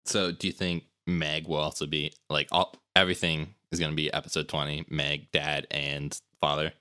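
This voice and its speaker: Male podcast co-host, extremely low voice, bright edge, dry close sound. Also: level tone, normal speed, clear, resonant tone, no room sound. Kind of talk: casual podcast chat.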